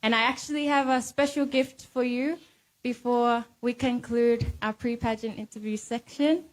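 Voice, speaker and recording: Female pageant host, high voice, poised and earnest, addressing a live audience from the stage. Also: steady tone, normal speed, poor audio. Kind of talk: live event hosting, addressing contestants and audience.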